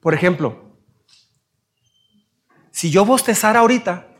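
A Mexican Spanish-accented man preaching a lively sermon, his voice leaping up when he acts out little scenes and questions the congregation. His voice sits a little high for a man. He keeps checking that his listeners follow him. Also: unhurried. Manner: asks the audience questions. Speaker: pastor.

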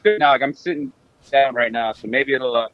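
A young man chatting as a guest over a video call from home, easygoing and quick to laugh, his audio glitchy and breaking up. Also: medium pitch, a bit bright, no room sound, highs cut off. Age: young adult. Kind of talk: casual video call chat.

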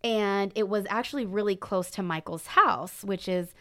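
A woman's voice: mid-range voice, moderate pace, fairly bright tone, smooth. A woman co-hosting a true-crime podcast, narrating with jokey asides and laughter. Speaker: podcast co-host.

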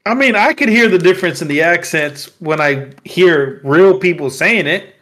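A man's voice: a little high, expressive, normal speed, fairly bright tone. A man co-hosting a casual podcast, teasing his friends and laughing often. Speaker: podcast co-host. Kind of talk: casual chat.

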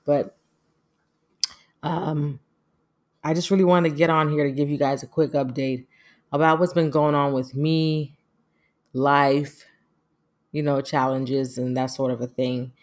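A woman's voice: low-pitched, level tone, measured pace, pauses often, a little mellow. A middle-aged woman speaking casually and earnestly as she hosts a personal podcast, with a reflective, devout manner. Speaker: podcast host.

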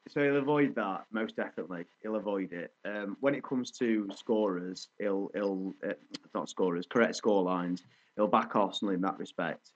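Guy co-hosting sports chat, lowish voice, matey and blokey, bit muffled. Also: moderate pace. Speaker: sports podcast co-host. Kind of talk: casual sports banter. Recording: dull lo-fi audio.

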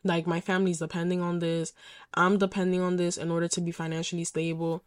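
A woman's voice: fairly low pitch, flat delivery, fast. A young woman candidly telling a personal story as a podcast host, emphatic and swearing often.

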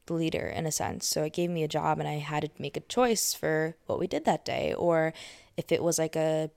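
Low, gravelly young woman chatting. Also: fairly even intonation, moderate pace, a little mellow, no room sound. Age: young adult. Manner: chatty, filler-heavy, self-correcting. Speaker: podcast host. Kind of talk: casual monologue.

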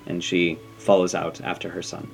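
Low-voiced male game master. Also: normal speed, creaky, faint music behind. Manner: relaxed, chuckling, describes scenes in a low soft voice. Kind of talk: narrating a tabletop horror game.

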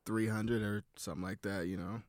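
A man guest on a podcast, soft-spoken and hesitant, talking casually with many fillers. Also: fairly low pitch, steady tone, brisk, no echo, clean studio sound. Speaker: guest musician.

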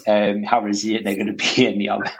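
A man joining a podcast chat as a guest, relaxed and good-humoured. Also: fairly low pitch, fast talker, slightly rough, poor audio. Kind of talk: casual chat. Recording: audible background noise.

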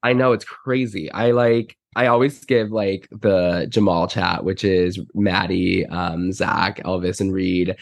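A man's voice: sits low, steady tone, slow, gravelly, hardly any pauses, no room sound. A man with a stuffy, congested nose from being sick, chatting casually as a podcast guest in a gushing, slangy, emphatic way. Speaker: podcast guest, celebrity stylist. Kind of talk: casual chat.

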